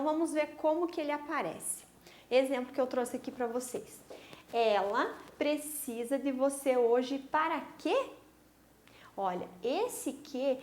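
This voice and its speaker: A woman's voice: sits high, a little mellow. A woman teacher giving a recorded online grammar lesson to young pupils, explaining step by step and checking in with short tag questions. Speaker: primary school teacher.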